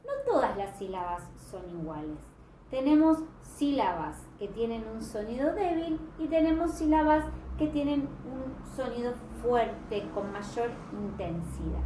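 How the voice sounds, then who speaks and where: A woman teaching a grammar lesson patiently, slowing down to stress example words. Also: on the high side, a little mellow. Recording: echoey room with background noise.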